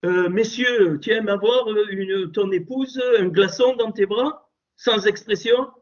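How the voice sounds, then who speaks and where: A man with a strong, loud voice giving an impassioned Torah teaching, animated and exclamatory, moving between soft asides and sudden raised outbursts over a Skype call. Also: sits high, unhurried. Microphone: computer mic on a Skype call. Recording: dull lo-fi Skype audio.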